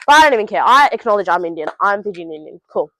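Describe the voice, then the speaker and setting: This Australian teen vlogger races through blunt, profanity-laden advice aimed right at the viewer, recorded casually at home. Her medium-pitched voice is sing-song and a bit bright, with a little hiss or hum in the background.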